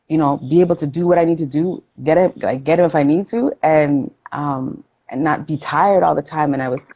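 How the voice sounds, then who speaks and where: Low husky woman in her forties. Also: warm tone, muffled recording. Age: 40s. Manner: candid, swears freely, retells her own thoughts. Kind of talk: casual chat.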